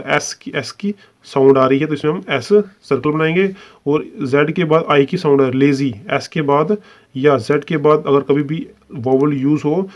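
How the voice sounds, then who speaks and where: A man's voice: on the high side, a little mellow. A man teaching a shorthand lesson, explaining step by step and mixing English terms into his Hindi. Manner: explains step by step, repeats "ठीक है" often. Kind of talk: online lesson.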